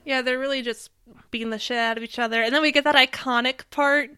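Young woman podcast cohost, laughs a lot, bright kinda high voice. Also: fairly even intonation, fast talker, clean tone. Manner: giggly, laughs often between sentences. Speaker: podcast co-host. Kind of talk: casual chat.

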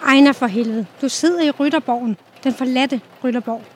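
An actress playing a brisk, commanding woman who once worked undercover, in an audio drama. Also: sits high, slight background noise, natural voice. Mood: impatient. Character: tough former undercover woman guide, impatient.

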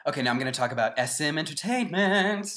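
A man's voice: on the high side, lively intonation, fast talker, sharp tone. A man co-hosting a podcast in casual chat, giving his opinions with emphatic swings. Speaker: podcast co-host.

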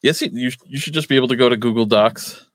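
A man's voice: medium pitch, fast talker, no room sound. A man hosting a casual podcast, laying out the rundown in a loose, swearing manner. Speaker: podcast host.

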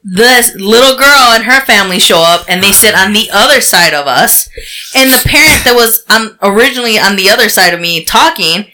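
A woman in casual chat, telling an animated, profane story. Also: mid-range voice, moderate pace, slight background noise, poor audio.

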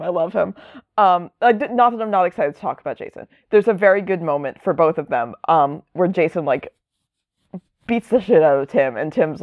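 A woman's voice: lowish voice, dry recording, narrow, tinny audio. A woman chatting casually as a podcast host, rambling and enthusiastic. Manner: rambling, enthusiastic, lots of fillers. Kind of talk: casual chat.

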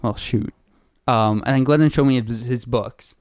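A young man co-hosting a podcast, telling a story in a casual, animated way with laughs and acted-out quotes. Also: medium pitch, normal speed, no room sound, clean studio sound. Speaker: podcast co-host.

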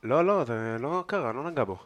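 A man's voice: medium pitch, animated, slight background noise. A man hosting a podcast and cooking, telling anecdotes in a laid-back, slangy way. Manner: laid-back storytelling, slangy, acts out quoted speech. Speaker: podcast host and cook. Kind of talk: casual chat, telling anecdotes. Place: loft apartment, cooking and eating.

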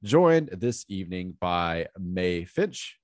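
A deep, croaky American man hosts a casual film podcast. His voice is froggy and sniffly from a cold. He talks in a chatty way with asides, in a dry, close sound. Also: sing-song, takes it slowly, a little mellow, no echo. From southeastern United States. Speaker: podcast host.

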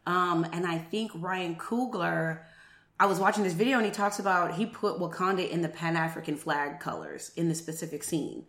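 A woman talks through ideas in a bright, forceful voice, springing into higher, louder tones whenever she acts out what someone might say. The recording carries a noticeable room echo. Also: moderate pace. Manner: animated, acts out quotes with rising pitch. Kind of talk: casual discussion. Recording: echoey room.

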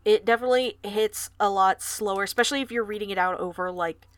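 A woman co-hosting a podcast talks fast in a mid-range voice, casually recapping a book's plot and swearing now and then. It's a relaxed book discussion, recorded with no echo.

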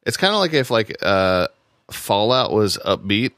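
A man in his thirties co-hosting a casual movie chat, joking and animated. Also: lowish voice, a little slow, no echo, studio quality. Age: 30s. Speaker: podcast co-host.

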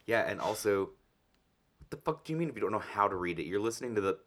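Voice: sits low, expressive, quick pace, a bit bright. A podcast co-host who tends bar, talking in a blunt, sarcastic way and swearing freely. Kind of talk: casual podcast chat.

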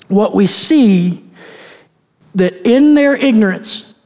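A man preaching a sermon as pastor, emphatic, slowing down to stress key words. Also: high voice, animated, a little mellow. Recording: long reverb of a large hall.

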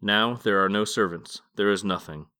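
A weary old god, brooding and gloomy, voiced by a man in a podcast book reading. The voice sits a little low and stays close to the reader's plain delivery. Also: moderate pace, sharp tone, clear, resonant tone.

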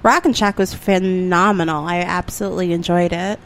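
A woman's voice: on the low side, fairly even intonation, moderate pace, a bit bright, slight background noise. A woman chatting casually as the co-host of a podcast. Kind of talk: casual chat.

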